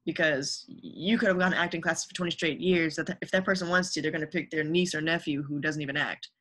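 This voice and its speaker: A woman's voice: low-pitched, steady tone, fast talker, a bit bright. A young adult woman, a guest on a podcast, talking casually and earnestly about her career and giving upbeat advice. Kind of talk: casual interview chat.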